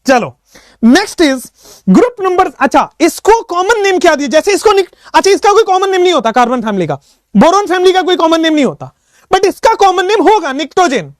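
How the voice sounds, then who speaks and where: A man's voice: extremely high pitch, a little fast, no room sound, clean studio sound. A man teaching chemistry in a casual online lecture, playful and teasing, mixing in English phrases and chanting memory tricks in a sing-song way. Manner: lively, sing-song when reciting mnemonics.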